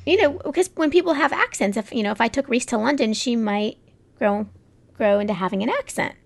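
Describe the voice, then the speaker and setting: A young adult woman co-hosting a podcast, playful and quick to tease in casual chat. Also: on the high side, animated, creaky.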